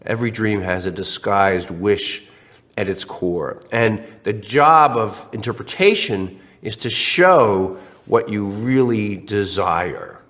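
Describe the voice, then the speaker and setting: A man with a lowish, slow voice lectures online, slightly congested from a cold and full of restarts and fillers. He's animated, acting out questions in other voices.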